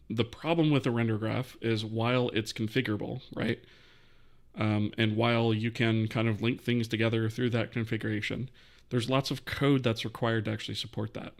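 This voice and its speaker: A man's voice: lowish voice, creaky. A man hosting a live coding stream, thinking aloud as he types and answering questions from chat.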